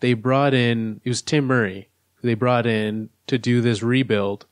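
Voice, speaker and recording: A man's voice: mid-range voice, steady tone, measured pace, no echo, clean studio sound. A man co-hosting a casual sports podcast, laying out his arguments step by step. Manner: analytical, lays out arguments step by step. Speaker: podcast co-host.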